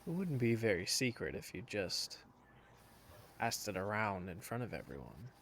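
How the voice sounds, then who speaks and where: A man's voice: on the low side, sing-song, normal speed, creaky, a bit bright, slight background noise, exaggerated voice. A man voicing a male adventurer who speaks in a wry, wary way.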